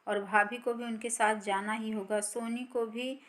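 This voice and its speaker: A woman's voice: fairly high pitch, fairly even intonation, a little slow, a bit bright. A woman reading the lines of a worried young man who speaks hesitantly in a storybook.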